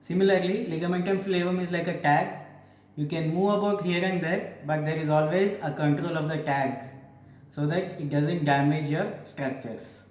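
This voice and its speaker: A man giving a physiotherapy lecture, explaining slowly with frequent repetition and restarts. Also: a little high, fairly even intonation, a little mellow. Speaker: physiotherapy teacher. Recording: echoey room with faint ambient noise.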